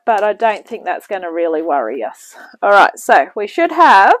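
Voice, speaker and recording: A woman's voice: medium pitch, very animated, moderate pace, dry recording, poor audio. A woman hosting a home cooking demonstration, talking casually with rambling asides as she works, heard from a camera in a home kitchen. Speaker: cooking show host. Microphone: camera mic, off-screen speaker at the bench.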